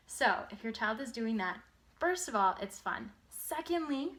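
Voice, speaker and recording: A woman's voice: medium pitch, pushed and bright. Woman explaining things to parents. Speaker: early literacy educator hosting a series for parents. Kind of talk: instructional talk to parents.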